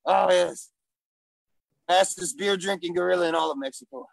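A man voicing a gruff, silly male gorilla who wants to be a stand-up comic, talking in broken English with loud bursts. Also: high voice, moderate pace, dry recording, full character voice, rough recording. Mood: boastful. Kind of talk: improvised comedy character interview.

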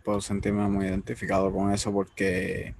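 A man's voice: deep voice, completely flat delivery, moderate pace, creaky, darkish tone, husky, no room sound. A man hosting an interview, speaking in an earnest, heartfelt way about his faith. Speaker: host.

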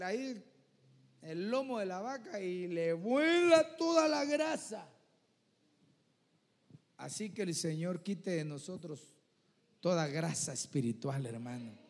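Echoing with a church hall's long reverb, a man preaches in a strikingly high voice. He's sincere and conversational, illustrating with vivid examples, addressing the congregation as "hermano" and seeking their agreement with a frequent "¿verdad?"

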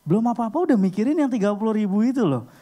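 A man giving a casual storytelling sermon, acting out little scenes with sudden leaps in pitch. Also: very fast. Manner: animated, acts out little scenes with sudden high jumps in pitch.

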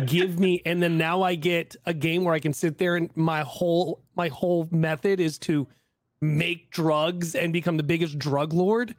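A man from Texas hosts a casual podcast, animated and quick to laugh as he acts out other people's lines. His voice sits a bit high for a man. The recording is close and dry, with almost no room sound. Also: dry recording. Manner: animated, laughing storyteller who acts out quotes. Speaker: podcast host. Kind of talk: casual chat.

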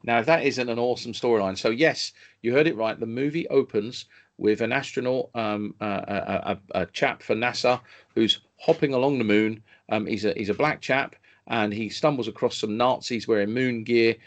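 A man co-hosts a podcast in a loose, casual chat. His voice sits at an ordinary middle pitch. He talks with enthusiasm and often trips over restarts. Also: normal speed. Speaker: podcast co-host reviewing films.

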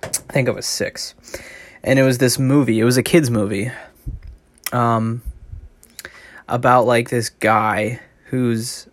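A man's voice: medium pitch, fairly even intonation, slow, pauses often, no echo. Rambling man with a dry, close sound. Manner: rambling, heavy use of filler "like". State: out of breath. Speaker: podcast host. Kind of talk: casual rambling monologue.

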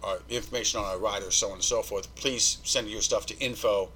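Bright-voiced man telling a profane story. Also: lowish voice, brisk, slight background noise, low-quality recording. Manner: animated, profane, acts out quoted dialogue. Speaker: podcast guest. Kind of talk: casual storytelling.

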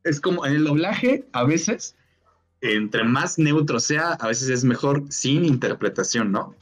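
A man's voice: a little high, sing-song, a little slow. A young Mexican man in casual chat as a podcast co-host, rambling and searching for words. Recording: dull lo-fi sound, faint music.

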